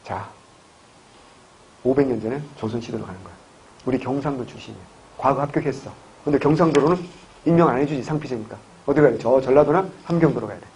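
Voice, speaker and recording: Speaking quickly in a mid-range, darkish voice, this Gyeongsang-region man delivers an exam-prep history lecture. He constantly poses questions only to answer them himself, and the lo-fi recording sounds dull with a faint hiss.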